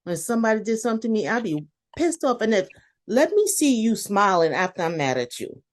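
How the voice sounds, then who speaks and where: A woman talks through a personal story in a relaxed interview and fills it with energy. She is emphatic and blunt, and she acts out her own self-talk in quotes. Her voice sits in an ordinary middle range. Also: medium pitch, brisk. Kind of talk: casual interview conversation.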